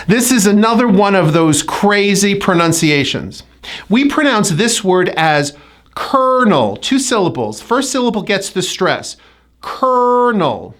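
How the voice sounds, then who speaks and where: Woman, North American accent, pronunciation coach; animated intonation, deliberate word-by-word delivery. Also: fairly low pitch. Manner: models words slowly and clearly, stretching stressed syllables. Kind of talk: scripted pronunciation lesson.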